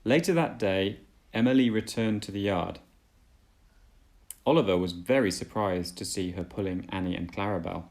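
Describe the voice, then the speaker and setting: The reader is a man sharing a children's storybook as a dad would, pacing it deliberately with dramatic flair. His voice is low and darkish in tone.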